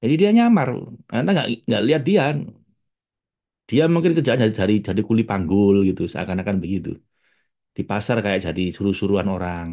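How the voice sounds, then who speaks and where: Chatty man teaching, lowish voice. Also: brisk, gravelly, dark tone. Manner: chatty, laughs often, addresses audience directly. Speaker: religious teacher. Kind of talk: casual spiritual talk.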